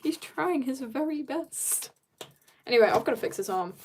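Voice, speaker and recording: A teen or young adult woman streams herself drawing, chatting casually in a rambling, slangy, giggly way as she hops between asides. Her voice sits high and expressive with a darkish tone, at a normal speed. There's a little hiss or hum on the recording.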